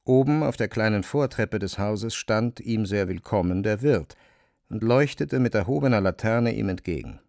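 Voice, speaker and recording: A man reading literary narration for a radio play, measured and even. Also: lowish voice, creaky, dry recording, clean studio sound.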